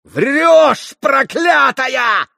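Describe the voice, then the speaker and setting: A man voicing a desperate, frantic young man who shouts and begs. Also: very high voice, lively intonation, drawn-out words, vocal fry, no echo, clean studio sound, voice pushed up, heavily acted. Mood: frantic shouting.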